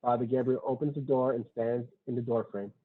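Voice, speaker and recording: A man reads a screenplay's stage directions aloud at a table read, matter-of-fact and clipped. He speaks fairly quickly at a medium pitch, his tone steady with a breathy edge, and the online call audio sounds thin and phone-like.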